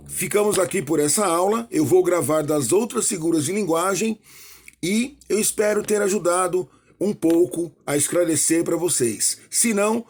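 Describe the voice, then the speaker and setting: A man's voice: a little high, darkish tone. A male teacher explaining a grammar lesson, often checking in with "ok?" and getting livelier as he gives examples. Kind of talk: recorded online lesson.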